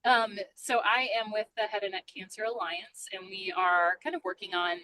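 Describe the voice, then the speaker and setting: A woman's voice: mid-range voice, fairly even intonation, normal speed, background noise. A woman calling in on a car speakerphone while she drives, speaking in a casual, hesitant way with frequent ums and restarts. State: driving while talking. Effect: car speakerphone call. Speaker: caller from an advocacy organization. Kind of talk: casual chat. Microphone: phone speakerphone in a car.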